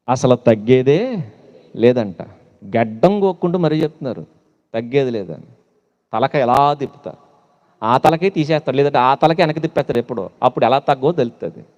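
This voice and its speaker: A man's voice: fairly high pitch, darkish tone, dull audio. A man preaching a sermon to young people, asking rhetorical questions and mocking his listeners with teasing asides, with a Telugu accent. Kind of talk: sermon to youth. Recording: long hall reverb.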